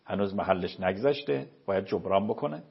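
Male cleric, husky and raspy, patient explainer, slightly muffled audio. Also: low voice, animated. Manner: measured, explanatory, quotes scripture. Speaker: cleric answering religious questions. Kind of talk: explaining religious rulings on a show.

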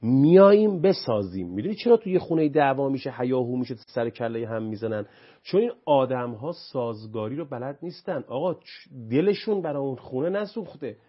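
With a medium-pitched, animated voice on lo-fi sound, this anger management teacher explains his views in a talk-show conversation. Rhetorical questions come one after another, each answered by him, and he grows emphatic as he runs through examples.

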